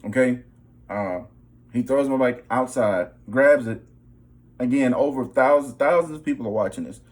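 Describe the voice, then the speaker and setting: A man's voice: mid-range voice, moderate pace. A young man with a mid-range voice tells a personal spiritual story in casual, emphatic speech. He keeps checking in with his listeners as he goes along. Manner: casual, emphatic, repeats "bro" and "okay". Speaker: vlogger.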